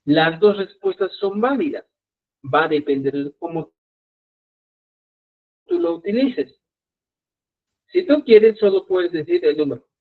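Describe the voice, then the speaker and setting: Male teacher, live online lesson, patient and full of check-ins, slightly high voice, phone-like sound. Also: animated, measured pace, long pauses. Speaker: language teacher. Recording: tinny phone-like audio.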